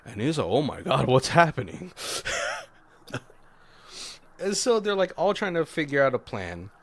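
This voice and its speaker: A man's voice: mid-range voice, a bit bright. A man co-hosting a podcast, animatedly retelling a film plot and acting out the characters' lines. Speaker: podcast co-host. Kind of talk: casual movie recap chat.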